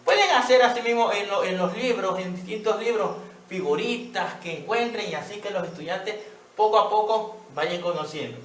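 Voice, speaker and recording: A man with an Ecuadorian Spanish accent teaching young children to read, speaking slowly and patiently and sounding out words. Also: high-pitched, a bit bright, recorded from a distance, slight background noise. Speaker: primary school teacher. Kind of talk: online reading lesson for young children. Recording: echoey room, voice a little off-mic.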